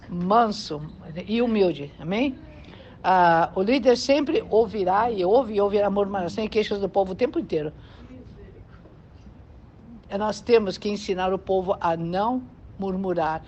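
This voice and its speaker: In a slightly mellow, mid-range voice, a Brazilian woman gives a teaching sermon with a Brazilian Portuguese accent, chatting with the congregation and frequently checking whether they agree. The recording is dull and lo-fi, with faint background noise.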